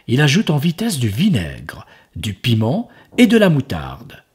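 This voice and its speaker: A man reading a children's picture book aloud as storyteller, expressive and unhurried. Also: medium pitch, slightly rough.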